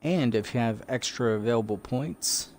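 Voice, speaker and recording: A man's voice: medium pitch, moderate pace, darkish tone, a little hiss or hum. A man in his fifties chatting casually to his live stream audience while playing a racing game. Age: 50s. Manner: chatty, rambling, talks to live chat. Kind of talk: casual gameplay commentary.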